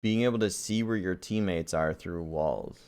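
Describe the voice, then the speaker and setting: Man, very low voice, casual reaction commentary, excited, slangy. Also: moderate pace, clean tone, no room sound. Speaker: gaming YouTuber.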